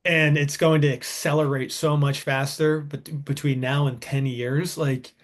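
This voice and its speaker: A man's voice: a little high, little pitch movement, a little slow. A man in his thirties, co-hosting a podcast in casual chat, rambling and enthusiastic with frequent restarts. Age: 30s. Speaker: podcast co-host.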